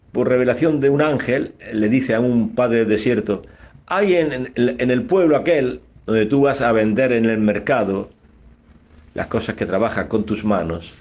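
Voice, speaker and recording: A man, a priest, giving a radio homily that rises in pitch on key words, with many rhetorical questions. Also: darkish tone. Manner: preaching, rising in pitch on emphasis, rhetorical questions. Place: radio studio.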